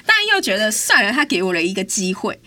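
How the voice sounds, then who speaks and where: A woman's voice: mid-range voice, very animated, fast talker, sharp tone, no room sound. A woman, telling a story in a casual, exasperated chat as host. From Taiwan.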